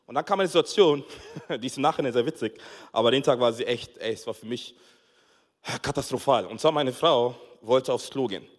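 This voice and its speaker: A man preaching a sermon as pastor, telling a funny family story with lively acted-out dialogue and frequent laughter. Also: mid-range voice, a little fast. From Togo. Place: church hall. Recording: long hall reverb.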